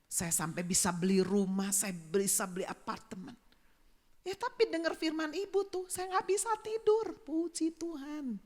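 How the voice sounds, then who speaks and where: A woman's voice: sits high, animated, normal speed, a little mellow. A woman pastor preaching a sermon, telling a story bluntly and acting out the dialogue. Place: church sanctuary. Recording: long reverb of a church hall.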